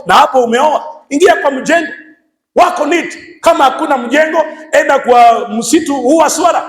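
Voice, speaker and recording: A man with a Kenyan accent preaching a lively sermon, switching between English and Swahili and shouting some points for emphasis. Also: extremely high pitch, reverberant, poor audio. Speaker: pastor.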